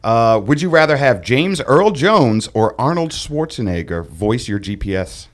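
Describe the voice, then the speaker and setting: A man's voice: mid-range voice, very animated, unhurried. A man hosting a podcast interview, asking questions in a friendly, conversational way. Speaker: podcast host.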